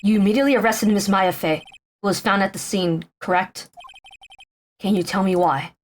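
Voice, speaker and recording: A woman voicing a confident young male prosecutor in a game, lowering her voice and speaking formally. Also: close to an everyday voice. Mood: cold. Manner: lowered voice, measured formal speech.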